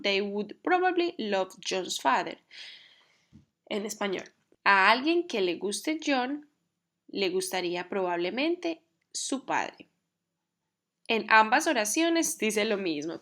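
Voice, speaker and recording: A woman teaching a grammar lesson, explaining carefully and reading example sentences slowly. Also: medium pitch, fairly bright tone. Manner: measured, reads English examples slowly and carefully. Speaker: English teacher.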